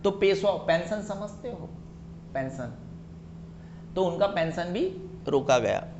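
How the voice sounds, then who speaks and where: Male teacher, classroom lecture, slow deliberate delivery, slightly high voice, lo-fi room recording with faint hum. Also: lively intonation. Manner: explains terms slowly, checks understanding with questions. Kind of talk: classroom lecture mixing Hindi and English.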